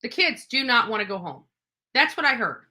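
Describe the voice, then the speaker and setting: This true crime livestream commentator has a fairly high voice with big swings in pitch, talking fairly quickly in a pushed, bright way. She riffs without a script, voicing strong opinions and accusations with emphasis and repeating phrases for force.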